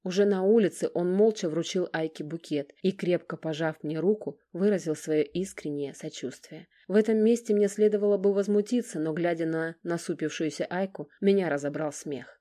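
Woman reading an audiobook, lowish mellow voice, wry and chatty. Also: normal speed, hardly any pauses. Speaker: audiobook narrator. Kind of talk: scripted first-person narration.

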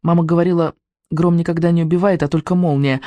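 A man doing a shy, trusting little schoolboy from a storybook. He speaks hesitantly and softly. The sound is dry and close-up. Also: on the high side, brisk, slightly rough, dry recording. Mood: timid. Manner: timid, hesitant. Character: timid, trusting young schoolboy.

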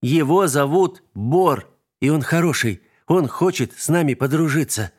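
Man doing a chattering excited little girl. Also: unhurried, breathy edge. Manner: breathless, bubbly, high squeals.

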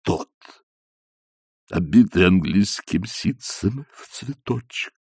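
A man reading as a stubborn old woman on her deathbed, speaking slowly in a cold, wooden tone. The voice sits low and soft, drawn out word by word. Dry, close recording. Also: breathy edge, dry recording, heavily acted. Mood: cold, deliberate. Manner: slow, flat, wooden.

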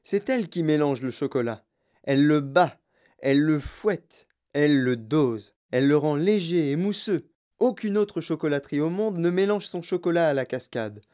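A woman voicing an excitable, eccentric man who proudly shows off his chocolate factory in an audiobook reading. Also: low voice, moderate pace. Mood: enthusiastic. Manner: exclamatory and boastful, showing off.

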